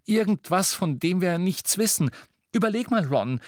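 Man putting on a high pleading teenage girl, anxious, lively pitch, dry sound. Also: moderate pace, dry recording. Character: upset teenage girl witch, earnest.

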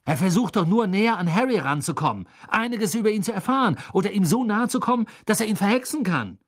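A reader voicing an angry teenage boy wizard, sneering, raised, lively pitch, audiobook. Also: fairly quick, slightly rough. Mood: jealous anger.

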